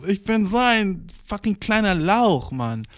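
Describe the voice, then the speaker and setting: Young man, casual vlog monologue, slangy and sweary, English mixed in, slightly high voice. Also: sing-song, unhurried, fairly bright tone, no room sound, studio quality. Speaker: vlogger.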